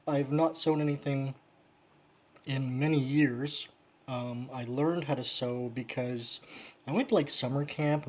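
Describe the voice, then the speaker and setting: A man casually chatting in a vlog as he sews patches, rambling and swearing offhandedly. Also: mid-range voice. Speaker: vlogger. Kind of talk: casual how-to chat while sewing.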